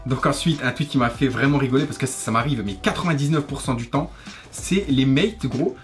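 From a small bedroom with faint music in the background, a man in his 20s rants to camera over gameplay as a gaming YouTuber. He talks fairly quickly in a mid-range voice, casual and sweary, using French street slang and familiar address.

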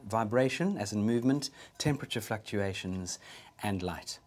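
A man in his fifties with a fairly low voice gives an etiquette lesson. His enunciation is prim and precise, and he instructs formally in short, clear steps. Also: lively intonation, normal speed, a little mellow. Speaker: etiquette expert giving a lesson. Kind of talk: instructive demonstration with short questions and commands. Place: wood-panelled dining room, indoors.

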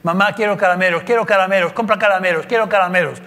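A man's voice: steady tone, fast talker. A man voicing a small boy who keeps whining and begging for sweets. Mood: whiny. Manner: repetitive, pleading, escalating to shrill yells. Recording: long church reverb.

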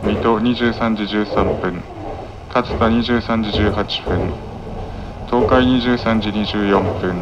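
A man announces as a train conductor in a fairly low voice, clipped and formulaic. The sound is dull and muffled, as from an onboard speaker, with clear train noise behind him. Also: fairly even intonation, takes it slowly. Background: moving train noise.

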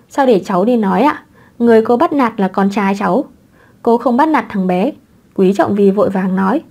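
A woman reads a serialized romance novel aloud, giving dialogue only slight lifts in her own voice. Her tone is mellow and soft-edged, at a middle pitch. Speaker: audiobook narrator. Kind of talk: scripted novel narration.

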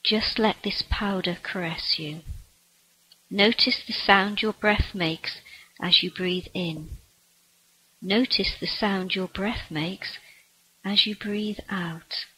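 A woman guiding a relaxation meditation in a soft, breathy voice that sometimes drops to a whisper. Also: mid-range voice, steady tone, slow pace, rough recording. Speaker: meditation guide.

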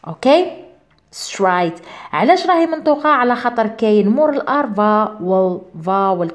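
A woman with an Algerian accent teaching an English exam revision lesson. She explains in dialect and reads the English sentences slowly. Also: on the high side.

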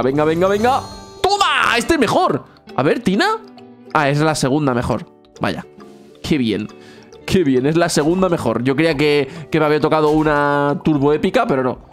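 Young-sounding gaming YouTuber, higher voice, bursty excited commentary. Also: male voice. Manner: excitable, repeats words in quick bursts, yelps when he wins.

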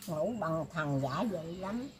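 A woman's voice: low voice, animated, unhurried, background noise. An elderly woman talking in a rambling, casual way, often laughing as she speaks. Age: older. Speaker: elderly woman being interviewed.

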